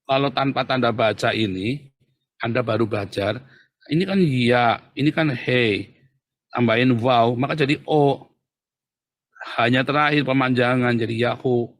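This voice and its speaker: A man delivers a teaching sermon, pressing his listeners with rhetorical questions and emphatic repetition. His voice sits in an ordinary middle pitch. The recording is dry, with no room sound. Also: measured pace, long pauses, no echo. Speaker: preacher.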